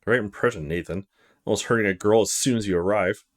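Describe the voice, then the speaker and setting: With a lowish, natural-sounding voice and a fast pace, a man plays a courteous young student in a visual novel. The lines are a casual inner monologue of brief, musing fragments as the character thinks to himself.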